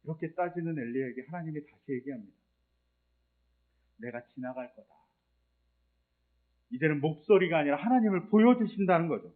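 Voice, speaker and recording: High-voiced male pastor preaching. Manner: explanatory, asks rhetorical questions. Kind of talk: sermon. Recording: tinny phone-like sound.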